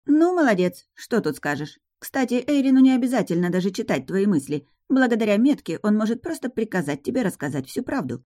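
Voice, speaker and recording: A woman's voice: medium pitch, very animated, fast talker, hardly any pauses, mellow, dry recording, voice pushed up, natural voice. A woman voicing a small sardonic male dragon familiar who teases and lectures. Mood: teasing. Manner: teasing, dry, lecturing. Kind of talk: audiobook narration.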